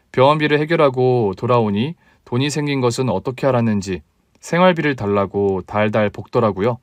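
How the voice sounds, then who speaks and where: A man narrating his own story in a calm, weary, confessional tone. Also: mid-range voice, no room sound.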